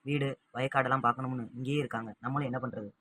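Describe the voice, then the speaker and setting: Guy doing the younger son, regretful but reassuring, talks quick. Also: mid-range voice, fairly even intonation, bright, forceful tone, a little hiss or hum, natural voice. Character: younger son working away from home.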